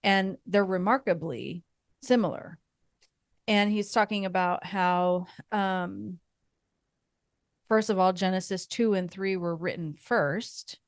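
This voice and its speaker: Female co-host, young adult, unhurried musing delivery, dry close-mic sound. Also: medium pitch, no room sound. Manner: thoughtful, meandering, with fillers and soft laughs. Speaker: podcast co-host. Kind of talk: casual faith podcast chat.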